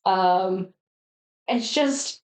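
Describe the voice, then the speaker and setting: A woman's voice: mid-range voice, drawn-out words. A woman co-hosting a podcast, chatting casually about a film with lots of fillers and little acted-out lines. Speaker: podcast co-host. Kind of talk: casual movie discussion. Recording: echoey room.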